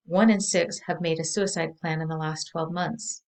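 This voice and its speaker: A woman presenting a training workshop in an earnest, measured way, speaking steadily to her audience. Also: sits low, steady tone, darkish tone, poor audio. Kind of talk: prepared training talk.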